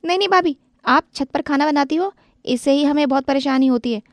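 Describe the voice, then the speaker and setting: A woman's voice: sits high, brisk, no echo, voice pushed up, lightly acted. A woman voicing a young sister-in-law who nags and coaxes in a whiny tone. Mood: complaining.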